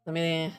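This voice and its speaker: Hosting a game livestream, a woman chats in a casual, playful, giggly way, talking both to herself and to her viewers.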